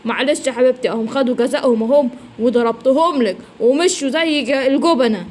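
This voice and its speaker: A woman's voice: high voice, fast, a little mellow. A woman playing a brave Egyptian-accented lion king. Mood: proud. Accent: Egyptian Arabic. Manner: boastful, protective, exaggerated. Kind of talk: children's story voicing.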